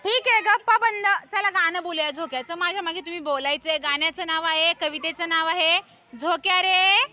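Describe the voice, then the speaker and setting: A woman's voice: extremely high pitch, brisk, hardly any pauses, noisy background. A woman teaching young children in a classroom, patiently coaxing and firmly questioning them. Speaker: primary school teacher.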